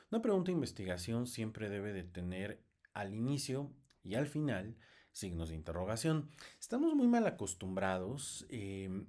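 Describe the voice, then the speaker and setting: A man's voice: lowish voice, darkish tone. A man teaching research methods in a recorded lecture, explaining step by step with frequent fillers and restarts.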